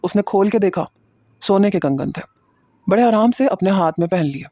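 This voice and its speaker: A man's voice: high-pitched, lively intonation, mellow, dry recording. A man telling a dramatic story in the first person.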